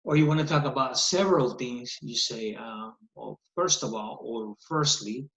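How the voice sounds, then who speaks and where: A man's voice: medium pitch, normal speed, fairly bright tone. A male teacher giving an online English lesson, explaining patiently step by step, his voice captured in a screen recording of a video call. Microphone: computer mic on a video call. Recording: echoey, dull video-call audio.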